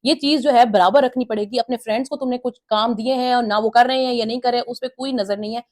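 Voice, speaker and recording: A woman's voice: fairly high pitch, steady tone, fast talker, darkish tone. A woman giving a casual, opinionated review of a reality show episode, retelling the housemates' quarrels and mimicking their lines.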